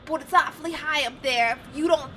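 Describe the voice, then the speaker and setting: Girl trying a little new york tough-guy sprite, high voice, noisy mic. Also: fairly quick, pushed and bright, distant mic. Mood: gruff. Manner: tentative, searching for the voice. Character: tiny cocky male sprite with a New York accent.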